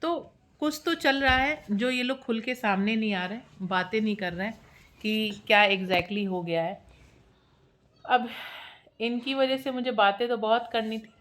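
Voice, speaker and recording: A woman's voice: a little high, a little slow, a bit bright. Teasing, gossipy woman reaction vlogger. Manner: teasing, sarcastic, chatty.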